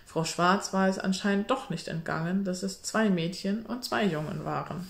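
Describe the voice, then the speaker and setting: A woman's voice: medium pitch, moderate pace, creaky. Woman reading a storybook aloud. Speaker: reader. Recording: roomy echo.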